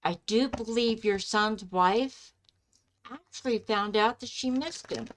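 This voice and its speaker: Slow-paced woman hosting a casual live stream. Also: fairly high pitch, slight background noise. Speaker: live stream host giving psychic love readings.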